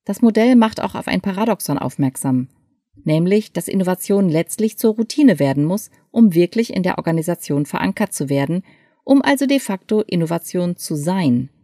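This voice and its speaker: Mellow-voiced woman reading an essay. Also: on the low side, animated, no echo, clean studio sound. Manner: clear, measured reading. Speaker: article reader. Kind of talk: scripted narration of an essay.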